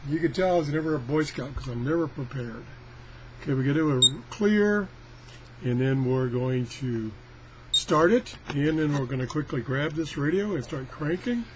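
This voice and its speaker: A product tester presenting a radio review talks through a hands-on demo at normal speed in a slightly high voice. He rambles in an extremely casual, folksy, self-deprecating manner, with some background noise audible.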